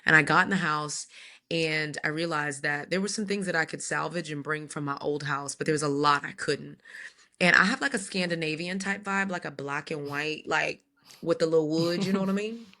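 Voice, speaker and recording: Lively woman telling a personal story. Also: low-pitched, normal speed. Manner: lively, animated storyteller who slips into quoted voices. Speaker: podcast guest. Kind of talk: casual storytelling in a podcast interview.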